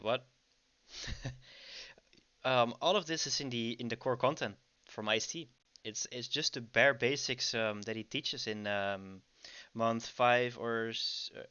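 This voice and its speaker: Clear and resonant, his mid-range voice sounds pushed and bright. The speaker, a man from the Netherlands with a Dutch accent, chats casually with livestream viewers while teaching trading, tossing in ums and asking "right?" often, over dull lo-fi stream audio.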